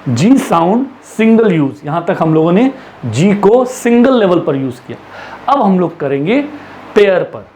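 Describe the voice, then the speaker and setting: Indian man teaching pronunciation, lively pitch. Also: slight background noise. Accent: Indian English. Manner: slow drawn-out English examples, brisk Hindi explanations, lots of rhetorical questions. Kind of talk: classroom-style lesson mixing Hindi and English.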